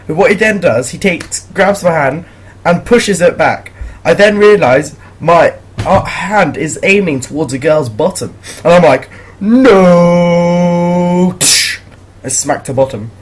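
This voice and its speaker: Teen male vlogger, husky, slightly high voice, loose rambling storyteller. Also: animated, normal speed. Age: teens. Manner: rambling, laughing, awkward. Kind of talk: casual storytelling commentary.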